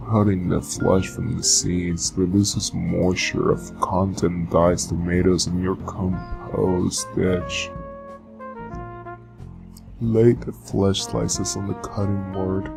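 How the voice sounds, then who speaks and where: A muffled, seductive male purr, as a man puts it on, sinking far below an ordinary speaking voice into a deep, gravelly crackle. It creeps along slowly and stays almost level, never lifting or rising. Plucked guitar music plays clearly underneath. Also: exaggerated voice. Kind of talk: scripted how-to reading in a put-on voice.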